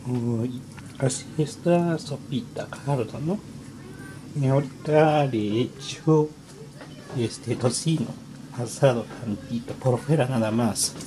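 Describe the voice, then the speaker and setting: Slow, halting man speaking broken Spanish. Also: medium pitch. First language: Japanese. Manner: halting broken Spanish, searching for words and apologizing. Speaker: home cook. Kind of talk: casual cooking demonstration. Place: home kitchen. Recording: noisy home recording.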